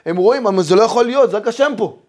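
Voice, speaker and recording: A man teaching a Torah lesson as a rabbi, animated and emphatic, telling stories and asking rhetorical questions, swinging between loud and hushed. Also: sits high. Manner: storytelling, with many rhetorical questions. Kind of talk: Torah lesson sermon to a live audience.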